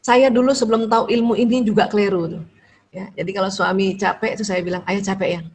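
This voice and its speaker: A woman's voice: medium pitch, level tone, fast, a little mellow. A middle-aged woman lecturer giving a religious talk on marriage and family, chatty, dotting her sentences with little tags and acting out short home dialogues. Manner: conversational, frequent "ya" tags, acts out little dialogues.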